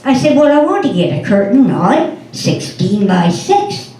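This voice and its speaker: A woman's voice: on the high side, sing-song, a little slow, mellow. A woman doing stand-up comedy, telling folksy anecdotes and acting out the dialogue of the people in them. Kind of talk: stand-up storytelling. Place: comedy club stage before an audience. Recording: roomy sound from a distant mic.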